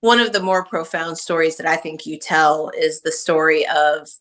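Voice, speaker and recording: Woman, podcast host, very low voice, measured interview questions, sets up context. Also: a bit bright.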